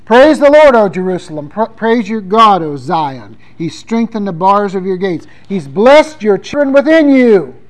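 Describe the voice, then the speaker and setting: A man with a high-pitched voice preaches a sermon. He talks conversationally and reads psalms aloud with strong emphasis. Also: sing-song, unhurried, few pauses, low-quality recording. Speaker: pastor.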